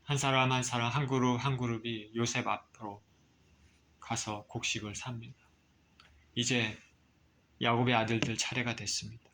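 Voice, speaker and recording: A man preaching a sermon as pastor, reading scripture and explaining it with measured pauses. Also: medium pitch, level tone, fairly bright tone, slight background noise.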